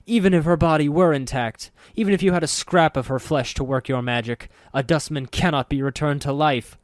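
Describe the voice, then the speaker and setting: A man's voice: mid-range voice, slow pace, darkish tone, clear, resonant tone, no room sound, studio quality. An actor playing a bitter, desperate man who talks in a strained, raised, emotional way. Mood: anguished.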